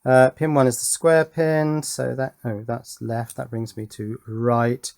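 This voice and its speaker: This middle-aged electronics hobbyist has a gravelly, darkish voice of medium pitch, delivered flatly and without hurry. He offers a casual, chatty running commentary on a hands-on build, thinking out loud and often posing small questions to himself.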